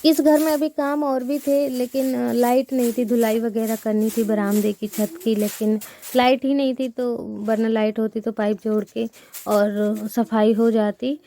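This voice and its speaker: On the high side and mellow, her delivery is flat and a little slow, with a bit of hiss or hum in the background. A young woman from India with a sore throat, she vlogs from her village, rambling chattily to viewers as friends while sweeping and mud-plastering the house.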